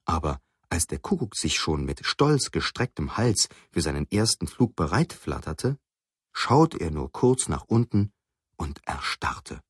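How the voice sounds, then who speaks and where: A man narrating a children's story in an expressive storytelling manner. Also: deep voice, measured pace, husky, no echo, studio quality.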